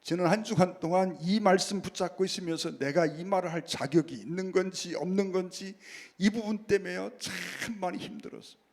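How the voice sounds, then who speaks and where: A man's voice: sits high, a little fast, vocal fry, few pauses, big-room sound. A man preaching a sermon as pastor, often calling out to the congregation and answering his own questions. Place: church sanctuary.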